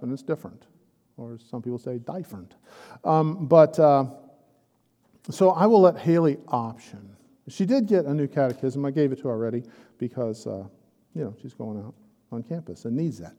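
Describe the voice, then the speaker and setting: A man's voice: on the high side, warm tone. A middle-aged man, a pastor, talking casually to a church group with a handheld microphone, rambling and joking as he encourages them. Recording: long hall reverb with murmuring crowd.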